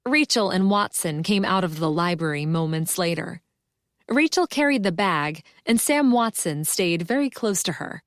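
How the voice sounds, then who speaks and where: A woman reading a cozy mystery audiobook as a first-person narrator, with an expressive storytelling delivery. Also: on the low side, normal speed, dry recording, studio quality.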